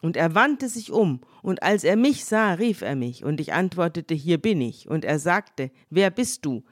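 Low-voiced older woman retelling a story. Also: unhurried, no room sound, studio quality. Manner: lively storytelling, reads quoted dialogue in her own voice. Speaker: podcast co-host. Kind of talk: retelling a Bible story in conversation.

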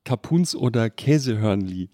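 A man hosting a podcast, firing quick either-or questions at a guest in a playful, brisk way. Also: mid-range voice, expressive, dark tone, no room sound, clean studio sound. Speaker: podcast host.

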